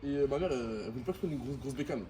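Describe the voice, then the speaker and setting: A man's voice: mid-range voice, animated, racing, crowd noise, low-quality recording. A young man chats casually to camera in street slang, reviewing like a vlogger. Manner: French suburban street slang. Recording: noticeable ambient background noise.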